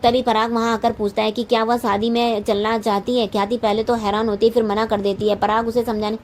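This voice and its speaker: Woman, serial recap narration, flat delivery, frequent restarts, faint noise behind. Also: on the high side, a little fast. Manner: frequent restarts and self-corrections.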